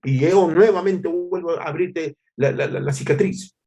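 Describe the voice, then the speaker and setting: A man's voice: fairly high pitch, a little slow, dark tone. A male pastor preaching a devotional sermon, repeating phrases for emphasis and calling his listeners brothers.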